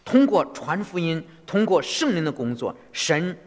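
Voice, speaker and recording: A man interpreting a sermon phrase by phrase in an animated way. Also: fairly high pitch, normal speed. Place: church hall. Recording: long reverb of a church hall.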